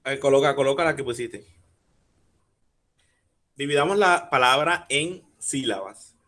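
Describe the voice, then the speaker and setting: A man teaching a workshop over a video call. He patiently explains step by step, asks the audience questions and slowly spells out syllables. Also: medium pitch, a bit bright. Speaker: workshop speaker teaching rhyme. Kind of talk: online workshop lecture.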